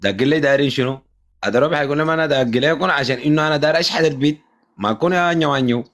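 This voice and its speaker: Quick-talking Sudanese man, joking. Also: fairly high pitch, fairly bright tone. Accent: Sudanese Arabic. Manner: joking, agreeable, explains and translates for the host. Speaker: live-stream guest. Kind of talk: casual live-stream chat.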